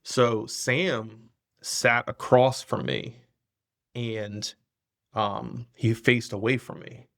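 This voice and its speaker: A young man hosting a casual podcast. He tells old school stories with lots of energy, swearing freely and breaking into laughter. His voice sits at an ordinary male pitch. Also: extremely slow, gravelly. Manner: animated storytelling, swears a lot, laughs often. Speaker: podcast host. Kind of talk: casual chat.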